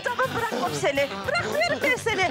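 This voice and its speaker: A woman's voice: very high-pitched, big pitch swings, raised voice, over loud music. A fussing, doting village woman. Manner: fussing, doting and quick to take offence. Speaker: Meryem, an older village woman. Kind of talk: TV comedy drama acting.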